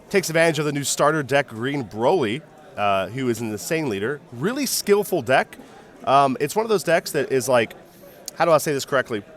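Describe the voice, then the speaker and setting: A man's voice: on the high side, a bit bright. A man hosting a live card game stream, chatty and jokey, greeting viewers and reading chat aloud between match commentary.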